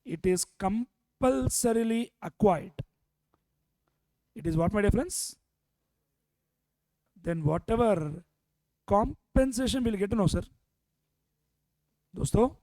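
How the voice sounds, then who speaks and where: A man's voice: high-pitched, gravelly, dark tone, no room sound, rough recording. A man with an Indian accent lecturing a revision class, prompting students with repeated questions and dropping Hindi phrases into his English. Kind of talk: interactive exam revision lecture.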